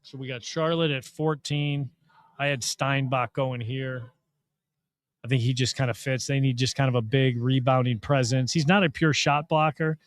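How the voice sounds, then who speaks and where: A man's voice: medium pitch, steady tone, moderate pace. A man co-hosting a live basketball draft reaction, a columnist telling jokey stories and giving opinions. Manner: storytelling, jokey banter. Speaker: sports columnist co-host. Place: arena media room.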